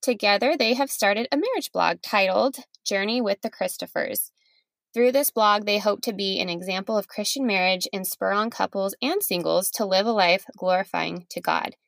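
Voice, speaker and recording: A woman's voice: mid-range voice, moderate pace, vocal fry, a bit bright, dry recording. A woman hosting a podcast, chatting casually with guests and laughing easily. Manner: friendly, laughing, chatty with restarts. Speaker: podcast host. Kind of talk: casual interview chat.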